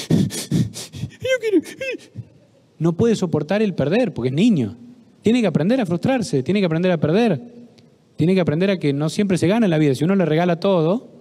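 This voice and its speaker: A middle-aged Argentine psychologist giving a talk at a parish, telling stories, acting out the dialogue and asking the audience questions. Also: male voice, a little high, mellow. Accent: Argentine Spanish. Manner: storytelling, acts out dialogue, asks audience questions. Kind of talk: conference talk with anecdotes. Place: parish hall.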